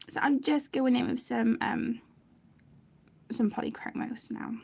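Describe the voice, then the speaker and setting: Her voice sits high and steady, slow and gravelly, with a dark, slightly rough tone. She's a British woman who hosts an adult colouring channel, rambling chattily during a live colouring session and frequently breaking off mid-sentence.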